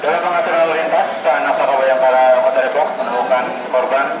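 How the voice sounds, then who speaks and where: A man's voice: medium pitch, fast talker. A man over a two-way radio, giving a formal report and asking permission before he speaks. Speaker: scout volunteer reporting by radio. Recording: distant, echoey and very noisy.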